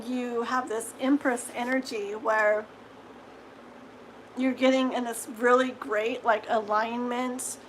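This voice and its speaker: A woman's voice: on the high side, a bit bright, a little hiss or hum, low-quality recording. A woman giving a live-stream tarot reading in a chatty, reassuring way, tagging her sentences with "okay?" and laughing easily. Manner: chatty, reassuring, full of "okay?" tags and giggles. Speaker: tarot reader.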